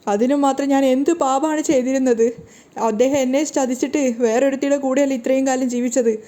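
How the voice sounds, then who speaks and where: A woman's voice: high-pitched, fairly even intonation, a little fast, mellow, lightly acted. A woman reading as a heartbroken betrayed wife. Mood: grieving. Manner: grief-stricken pleading. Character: betrayed middle-aged wife, wheelchair-bound, weeping.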